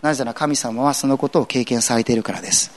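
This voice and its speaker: A man pastor giving an earnest sermon in a conversational way, with casual asides mixed in. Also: fast. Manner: earnest, conversational preaching with lively swings in pitch.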